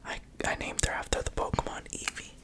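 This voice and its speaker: The voice is a soft, unvoiced whisper from start to end. It narrates in ASMR style, hushed and confiding, as though passing on a secret to the listener. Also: brisk. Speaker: racing pigeon keeper presenting own birds.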